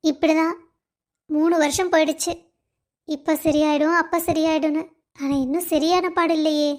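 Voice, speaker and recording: A woman's voice: high voice, steady tone, moderate pace, close to an everyday voice. A woman voicing a loving young wife who pleads and complains of being alone. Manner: pleading, plaintive.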